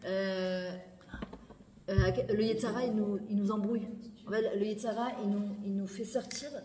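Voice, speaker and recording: A middle-aged woman giving an animated, emphatic Torah lesson to a room of women, repeating phrases and mixing in Hebrew words. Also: medium pitch, moderate pace, a crowd in the background. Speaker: Torah teacher. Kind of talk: spoken lesson to a women's audience. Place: lecture hall. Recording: echoey hall, faint background noise.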